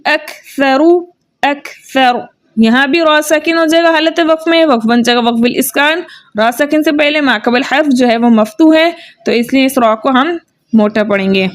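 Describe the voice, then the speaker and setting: High-voiced woman teaching Quran recitation. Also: moderate pace. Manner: patient, repeats each sound twice, checks with "theek hai". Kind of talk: tajweed lesson with drilled letter sounds.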